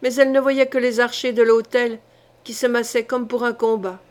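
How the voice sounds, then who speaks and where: Woman, audiobook narrator, fairly high voice, measured, dramatic reading of a historical novel. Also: flat delivery. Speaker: audiobook reader.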